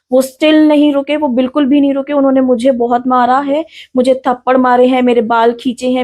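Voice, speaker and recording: A woman's voice: sits high, darkish tone. A young woman recounting an assault in an interview, earnest and detailed, frightened and still in pain. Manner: earnest, detailed, with restarts and English words mixed in.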